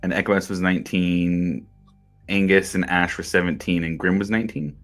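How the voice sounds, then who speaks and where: A man with a low voice runs a tabletop game, narrating scenes and calling out rolls in a relaxed, chatty way. Light music plays behind him. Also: normal speed. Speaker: game master.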